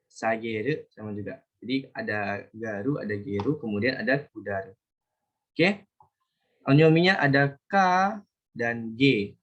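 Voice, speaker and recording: A man from Indonesia teaching a relaxed online Japanese class, chatty and often correcting himself as he talks. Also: medium pitch. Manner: chatty, self-correcting, talks to students directly. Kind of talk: casual online class lesson.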